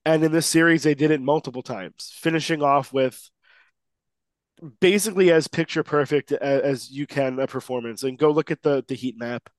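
A man with a slightly high voice co-hosts an excited sports podcast at a moderate pace, and there's no echo. He's losing his voice, sounds somewhat nasal, and talks with emphasis, frequently restarting his sentences.

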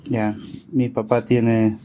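A man answering interview questions in a relaxed conversation, hesitant with many fillers, slipping words into his Spanish. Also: on the low side, slow, a little hiss or hum. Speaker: interview guest, scientist and tech consultant.

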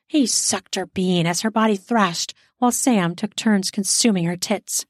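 A woman narrating an erotic audio story in a smooth, steady storytelling manner. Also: mid-range voice, no echo, studio quality.

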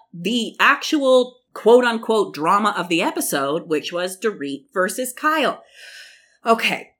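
A woman's voice: medium pitch, fairly bright tone. A woman recapping a reality TV episode in a casual, chatty and opinionated way, swearing freely.

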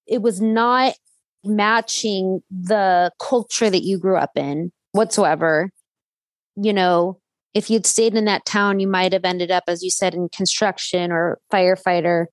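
A woman's voice: mid-range voice, steady tone, measured pace, dry recording. Socal accent woman chatting casually, slangy, lots of "like", dry close sound. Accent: Southern California. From Los Angeles Valley, California. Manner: informal, slangy, frequent "like". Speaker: interviewer. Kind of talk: casual chat.

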